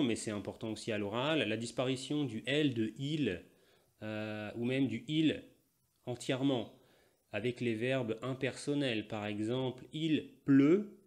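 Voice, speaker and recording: A man who is a native French speaker, teaching a language lesson and repeating example phrases slowly and carefully. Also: medium pitch, darkish tone. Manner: slow deliberate repetition of example phrases; switches between Portuguese and French explanations. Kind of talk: language lesson explaining grammar.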